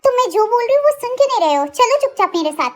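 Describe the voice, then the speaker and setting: Story reading, woman voicing a caring scolding young woman, very high pitch, faint music. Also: sing-song, rapid-fire. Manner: pleading, scolding.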